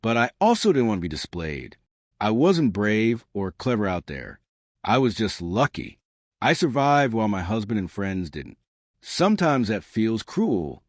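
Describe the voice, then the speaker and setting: A man voicing a grieving young widow, weary and guarded, speaking quietly and rawly. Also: lowish voice, very animated, a little slow, dry recording, clean studio sound. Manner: quiet, raw.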